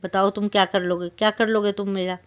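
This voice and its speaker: A woman's voice: medium pitch, level tone, a little fast, clear, resonant tone, highs cut off, natural voice. A woman voicing a tiny, stubborn female fly that teases and talks back in a whiny, childish way. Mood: defiant.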